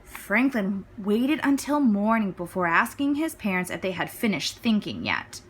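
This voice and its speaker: A woman reading a children's story aloud as scripted narration, with clear, expressive phrasing. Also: medium pitch, normal speed. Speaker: storybook reader.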